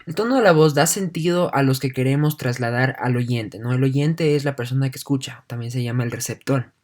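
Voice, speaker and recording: A man's voice: medium pitch, a little fast, darkish tone. A male teacher giving an online class. He reads a passage aloud, then restates it in simple terms, often checking in with his listeners. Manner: leans heavily on "entonces" and checks in with "¿no?".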